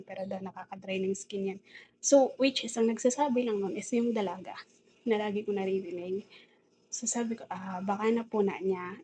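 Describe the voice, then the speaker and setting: Filipino lady rambling on in her vlog, kinda aggrieved, soft dark tone. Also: medium pitch, poor audio. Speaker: domestic helper vlogger. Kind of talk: casual storytelling vlog.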